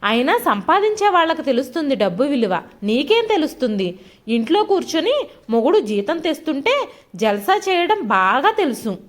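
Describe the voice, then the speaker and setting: A woman's voice: sits high, very animated, measured pace. A woman voicing a middle-aged husband who scolds and mocks his wife with contempt, in a storybook reading. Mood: mocking. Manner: mocking, contemptuous. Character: scornful shouting male husband, middle-aged.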